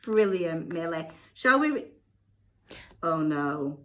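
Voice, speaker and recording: A woman teacher, warm and full of praise, coaching a young child through a reading lesson with expressive, swooping intonation. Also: low-pitched, takes it slowly, slight background noise. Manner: warm, encouraging, lots of praise.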